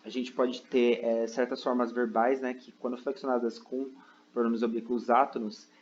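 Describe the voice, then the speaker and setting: This is a man teaching a recorded online lesson while seated at his computer indoors, explaining step by step and often asking "né?" and "ok?". He talks at normal speed in a medium pitch, with a level, darkish tone. The recording is muffled, with slight background noise.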